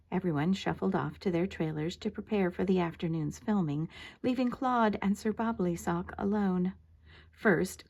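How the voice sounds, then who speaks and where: Casting: older female storyteller, grandma manner, lowish pitch, expressive read-aloud of a children's book. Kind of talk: animated storybook narration.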